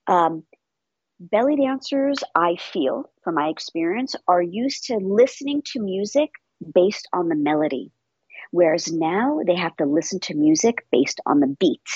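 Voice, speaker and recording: Woman, dance-teacher trainer, husky and unhurried, thinks aloud; dry, slightly muffled recording. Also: on the low side, a little mellow, dry recording. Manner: thoughtful, repeats words, frequent "I feel" and "um". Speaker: dance instructor trainer, interview guest. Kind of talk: conversational interview answers.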